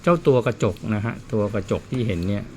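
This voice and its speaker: Fast-talking, with a lowish and slightly mellow voice, a watch repairman tells stories and chats casually in plain language while working. A bit of hiss or hum is audible.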